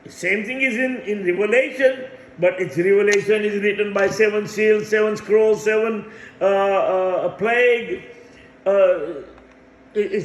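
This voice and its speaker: A man's voice: sits high, roomy sound, low-quality recording. A man in his sixties giving a rambling religious monologue as a self-proclaimed messiah, insistent and repeating phrases for emphasis. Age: 60s.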